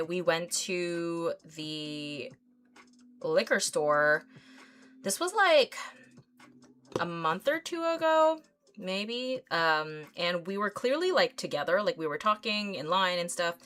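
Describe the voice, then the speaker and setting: A woman in her mid-thirties talks casually to her livestream viewers while she paints. Her voice sits notably low for a woman, and she rambles along with plenty of ums, likes and small giggles. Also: lively intonation, takes it slowly, fairly bright tone, slight background noise. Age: 30s. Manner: rambling, filler-heavy, giggly. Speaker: artist livestream host.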